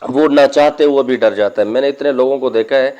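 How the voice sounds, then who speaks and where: A man with a mid-range, darkish voice, a spiritual healer, addresses his viewers from indoors with serious religious warnings and advice. He draws on stories from his own practice, and the audio sounds dull.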